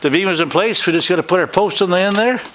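A man's voice: high-pitched, fast talker, a bit bright. A middle-aged man, chatty and folksy, jokes while narrating his own building work at an outdoor hangar, recorded on the camera he holds. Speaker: hobby pilot building hangar doors. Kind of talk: casual how-to narration while working. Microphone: handheld or head camera mic. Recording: noisy outdoor camera audio.

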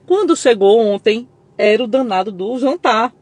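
A woman's voice: a little high, expressive, moderate pace, a little mellow. A woman from Northeast Brazil with a Northeastern Brazilian accent, chatting emotionally with her followers in a home vlog recorded on a phone. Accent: Northeastern Brazilian Portuguese. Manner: emotional and chatty, keeps addressing viewers. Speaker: vlogger. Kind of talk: casual chat to followers.

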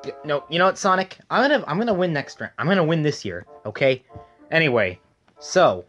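A woman's voice: low voice, very animated, muffled recording, faint music behind. A woman voicing a bossy male Mario plush toy who hosts a stay-up contest and scolds the others in a home toy video. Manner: bossy, scolding, quick to bicker. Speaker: contest host among toys.

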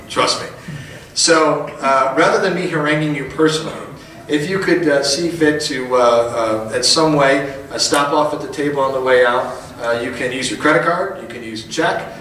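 Fairly high-pitched, bright and forceful, a middle-aged male politician rouses a campaign rally from the podium of a large indoor function hall, his folksy speech rising to emphatic peaks. Picked up via a podium mic by a far camera, the audio is echoey and distant with a little hiss or hum.

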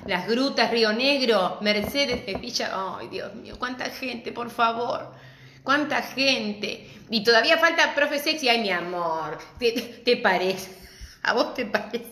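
A middle-aged woman with an Argentine accent, teaching a live-stream craft class and greeting viewers warmly and chattily. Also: fairly high pitch, unhurried. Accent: Argentine Spanish. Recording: echoey room.

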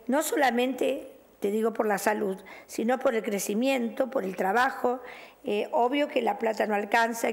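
A middle-aged tarot reader with a Rioplatense accent chats warmly with a caller on her show, calling her "querida" and "mi cielo" during the on-air reading. Her voice is gravelly and a little high, still recovering from a loss of voice.

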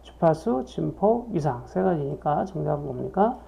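A woman's voice: sits low, animated, moderate pace, vocal fry, noisy background. A woman lecturing on exam questions, reading each one aloud, then asking and answering her own questions. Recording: dull lo-fi recording.

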